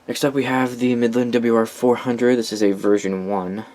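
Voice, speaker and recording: Showing off his collection of weather radios, a young American man rambles casually, tossing in enthusiastic asides. His voice sits at medium pitch with a darkish tone and flat delivery at a moderate pace, and there's slight background noise.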